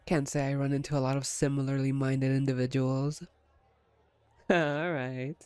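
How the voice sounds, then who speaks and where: Taking the role of a teasing female vampire holding someone captive, a woman performs an ASMR roleplay with smug, flirtatious playfulness. Her low-pitched voice is smooth and a little mellow, wry and unhurried, captured in a dry recording.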